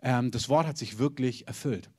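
A man's voice: mid-range voice, moderate pace, breathy edge. A man preaching a sermon, telling a story with emphatic repetition and often closing his points with "Amen".

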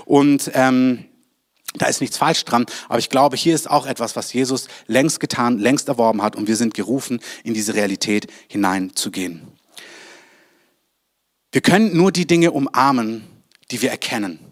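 A man's voice: mid-range voice, normal speed. Earnest German-speaking preacher, man. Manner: earnest and direct, addresses listeners as du, rising in fervor. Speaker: pastor. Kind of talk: sermon.

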